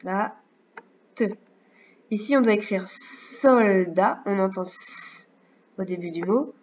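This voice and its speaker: A woman teacher talks a young child through a home lesson, patient and unhurried, pausing to check in. Her voice sits at an ordinary pitch. It is recorded on a computer mic that sounds a little dull and lo-fi. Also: a little mellow, a little hiss or hum. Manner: patient, slow and clear, checks in with "d'accord?". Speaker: first-grade teacher. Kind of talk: remote lesson narration over slides.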